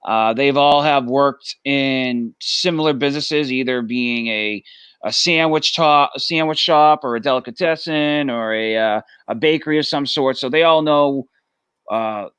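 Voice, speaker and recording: A man's voice: mid-range voice, a bit bright, smooth, no room sound. A young man with a thick Boston accent, chatting casually as a guest on a video call with plenty of fillers. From Massachusetts, USA. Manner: easygoing, halting with fillers. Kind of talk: casual chat.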